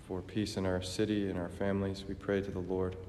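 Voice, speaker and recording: A man acting as a priest celebrating Mass solemnly intones liturgical prayers in a large church, his low, slightly mellow voice flat and fairly quick. Long cathedral-like reverb fills the recording, with faint noise.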